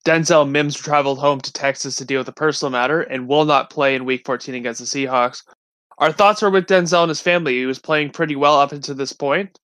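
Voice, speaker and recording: A man co-hosting a fantasy football show, reading injury news in a steady, matter-of-fact way. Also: a little high, quick pace, smooth. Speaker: fantasy football podcast co-host. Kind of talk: casual sports news rundown.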